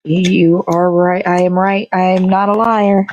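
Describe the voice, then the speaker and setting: While working on a craft, a woman hosts a casual show, chatty and rambling with frequent self-corrections. Her voice is lowish, flat, unhurried and darkish, and the audio is dull but without echo.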